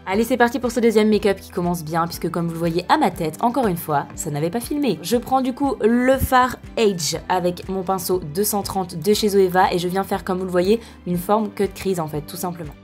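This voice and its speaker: A woman's voice: medium pitch, fairly quick, few pauses, darkish tone, faint music behind. A young woman talks through a makeup tutorial in a casual, chatty way, with many fillers and self-corrections. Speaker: beauty vlogger.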